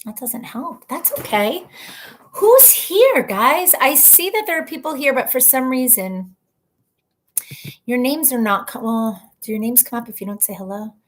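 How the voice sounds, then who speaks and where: A woman's voice: high voice, lively intonation, measured pace, a little hiss or hum. A woman chatting casually on a livestream from her home computer, greeting viewers by name and poking fun at herself. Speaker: livestream host. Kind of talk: casual live-stream chat. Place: at home, indoors. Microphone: computer webcam mic.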